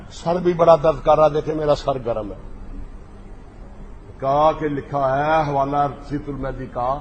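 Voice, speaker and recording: A man giving a polemical religious speech, mocking and acting out the exchanges he tells. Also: fairly high pitch. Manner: mocking storyteller, acts out quoted exchanges. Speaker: religious speaker. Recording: echoey hall, faint background noise.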